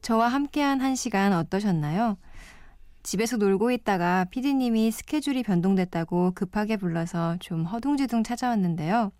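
Woman, late-night radio DJ, calm and reflective, mid pitch, dry close studio sound. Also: normal speed, no room sound. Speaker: guest radio DJ.

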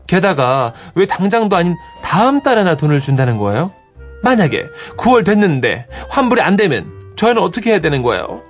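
A male radio host reading a listener's letter aloud in a lively storytelling manner. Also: high-pitched, brisk, faint music behind.

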